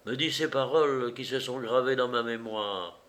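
A man voicing a gentle, pious young woman who pleads earnestly. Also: mid-range voice, normal speed, close to an everyday voice. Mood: gentle pleading.

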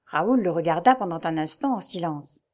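A woman reads a classic novel aloud as an audiobook, her voice sitting on the low side. Her storytelling is measured and even.

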